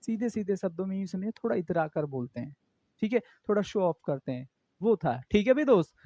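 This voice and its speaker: A man's voice: high-pitched, lively intonation, a little fast, dark tone, dry recording, lo-fi sound. Male teacher quizzing students. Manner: explains in Hindi with English terms, asks students repeated questions. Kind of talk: exam-prep English grammar class.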